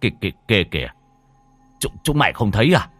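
A man voicing a coarse, greedy older village husband who curses gruffly. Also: lowish voice, very animated, fast talker, no echo. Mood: stammering fright. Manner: gruff, cursing.

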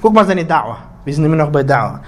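A man preaching a Friday sermon, retelling a story in an animated way, often repeating and restarting words and dropping Arabic religious phrases into his speech. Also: fairly high pitch, quick pace.

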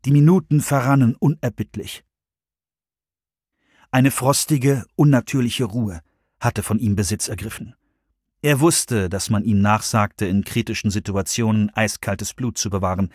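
Man, audiobook narrator, measured storytelling, dry close recording. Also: fairly low pitch, a little mellow, dry recording. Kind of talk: scripted narration.

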